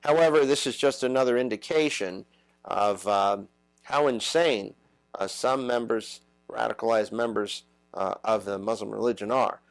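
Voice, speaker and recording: Halting male talk show host. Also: medium pitch, creaky, no room sound, faint music behind, low-quality recording. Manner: halting, many "uh" fillers.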